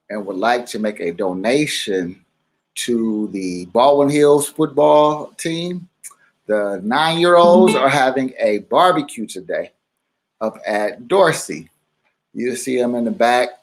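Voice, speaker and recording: A man hosting a show, giving a casual, chatty intro and community announcements. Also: medium pitch. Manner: laid-back, chatty announcements. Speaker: host.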